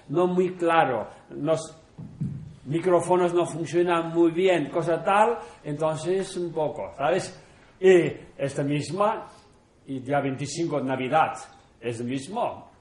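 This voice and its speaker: A man, a monk, talking casually to a small group in halting non-native Spanish, full of fillers and tag questions. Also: fairly high pitch, darkish tone. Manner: unhurried, chatty, often chuckling. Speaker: monk leading an informal group session. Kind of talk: informal talk to a small group. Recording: roomy echo in an indoor room.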